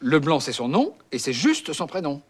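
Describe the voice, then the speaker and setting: A man's voice: a little high, huge pitch swings, moderate pace, noisy background. An actor playing an exasperated, impatient middle-aged man in a film comedy. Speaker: film character.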